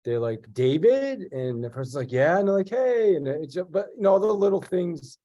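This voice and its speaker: The audio is dull, and the guest's voice sits high, moving at a moderate pace. He's a middle-aged real estate agent and sales trainer with a cold-clogged voice who answers interview questions directly and energetically, frequently starting his sentences over.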